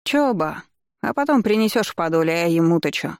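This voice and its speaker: A woman voicing a bossy, sharp-tongued old grandmother who grumbles and scolds bluntly, recorded dry and close. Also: on the low side, animated, fairly quick, dry recording. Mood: grumbling. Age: older.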